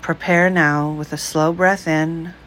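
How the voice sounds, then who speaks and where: A woman leading a guided breath meditation, speaking slowly, calmly and softly. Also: low-pitched, a little hiss or hum, rough recording. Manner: slow, calm, soft-spoken.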